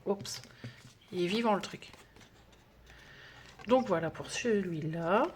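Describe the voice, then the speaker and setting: A tired woman chatting through an unboxing, gushing over each little item and slipping into soft whispers now and then. Her voice sits in a middle pitch and is full of casual fillers. A faint hiss runs under the recording. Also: slow pace. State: tired, trembling hands. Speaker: budgeting vlogger.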